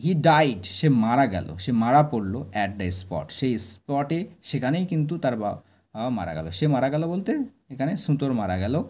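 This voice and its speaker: A man whose first language is Bengali teaches English, reading a story very slowly and explaining each phrase. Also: medium pitch, big pitch swings, a little mellow. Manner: reads English words very slowly, keeps asking "right?".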